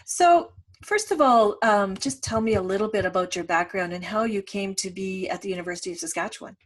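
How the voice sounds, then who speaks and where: A woman hosting a farm news podcast, opening the show and asking a guest measured questions over a remote call. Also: mid-range voice. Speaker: podcast host. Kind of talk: interviewing a guest.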